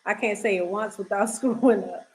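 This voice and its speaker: Woman cohost cracking up, tripping over tongue twisters, casual chat, middle pitch. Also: normal speed, a little mellow, poor audio. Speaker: podcast co-host.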